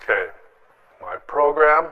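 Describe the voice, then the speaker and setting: A man's voice: on the high side, lively intonation, unhurried. Blunt, defiant man on a lo-fi broadcast. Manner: blunt, defiant, repeats himself for emphasis. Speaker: host of an opinion show on local public access. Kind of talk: opinionated monologue to camera.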